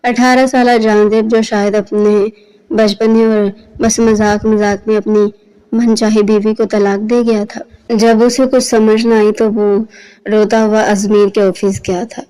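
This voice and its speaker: A woman narrating a romance novel aloud, steady and storytelling, carrying the characters' dialogue. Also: mid-range voice, clean tone, poor audio. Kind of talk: scripted novel reading.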